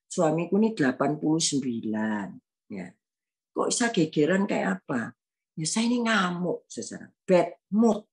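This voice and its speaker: A woman in her eighties with a Javanese accent preaches in a homely, conversational style, telling her listeners a personal story and often calling them brothers and sisters. Her voice is low, husky, and sing-song, at a moderate pace.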